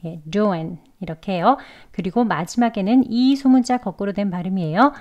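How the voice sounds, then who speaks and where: A woman teaching English pronunciation, explaining patiently step by step and drawing out model words slowly. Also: mid-range voice, lo-fi sound. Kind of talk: pronunciation lesson.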